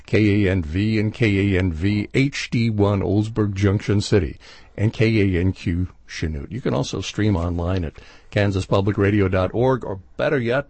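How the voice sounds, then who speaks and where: Low-voiced male radio pledge host, casual and jokey, dry studio. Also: darkish tone, dry recording. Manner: chatty, jokey asides. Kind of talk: casual pledge drive chat.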